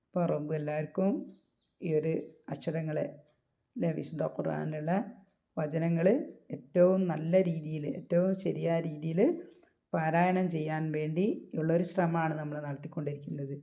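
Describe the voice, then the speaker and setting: A woman's voice: deep voice, fairly even intonation, normal speed, pauses often, dull audio. A woman teaching how to pronounce Arabic letters for Quran recitation, patiently repeating points and checking with her listeners. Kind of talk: explanatory lesson.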